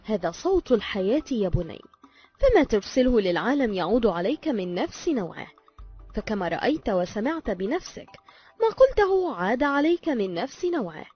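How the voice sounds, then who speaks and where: Woman voicing a calm, patient father. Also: a little high, moderate pace, slightly rough. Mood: reassuring. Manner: calm, explaining. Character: gentle patient father teaching his son. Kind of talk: storytelling. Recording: lo-fi with faint music.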